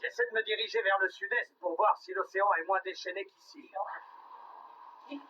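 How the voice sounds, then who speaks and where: A man speaks as a researcher in a nature documentary with a bright, high-pitched, lively voice. Some noise sits behind the slightly muffled recording. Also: moderate pace, far from the mic. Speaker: shark researcher. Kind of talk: nature documentary interview and field talk. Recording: slightly muffled, noisy field audio.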